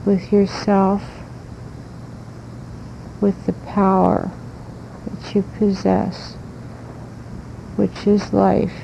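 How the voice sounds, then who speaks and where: In an extremely slow, deliberate manner, a woman speaking as a spiritual teacher breaks her instruction into short, halting phrases. Her delivery stays very even, with a gravelly creak. The sound comes from a muffled old cassette full of noise and rumble.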